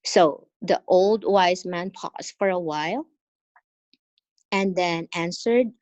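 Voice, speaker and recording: This exchange teacher, a woman from the Philippines with a Filipino accent, speaks earnestly and encouragingly in a motivational online-meeting presentation about her experience, with many pauses and fillers. Her voice is on the low side and a little mellow. The video-call recording has no echo, and its highs are cut off.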